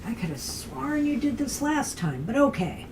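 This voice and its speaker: A woman's voice: sits high, sing-song, moderate pace, a little mellow, slight background noise. A woman co-hosting a casual tarot live stream, chatty, encouraging and upbeat as she reads cards for viewers. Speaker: tarot reader, co-host.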